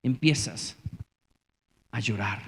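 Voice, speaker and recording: A man preaching a sermon as pastor, swinging from loud calls to hushed, low lines. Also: slow. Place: church. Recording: church hall reverb.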